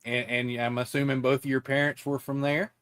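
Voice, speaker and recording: A man hosting a casual interview show, folksy and halting, with many fillers and restarts. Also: mid-range voice, little pitch movement, fairly bright tone. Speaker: podcast host.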